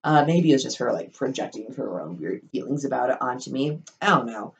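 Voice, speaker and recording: Lo-fi audio carries a very deep, lively female voice moving a little fast. In her casual story vlog, the young woman rambles with lots of ums and likes, swearing openly and wryly.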